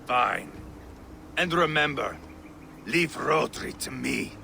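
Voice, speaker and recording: A man playing a fierce, vengeful, hot-tempered Viking warrior in a video game, with a gravelly, commanding voice. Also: mid-range voice, animated, slow pace, a little hiss or hum, exaggerated voice. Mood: resolute. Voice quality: gravelly, forceful. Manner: intense, commanding, theatrical.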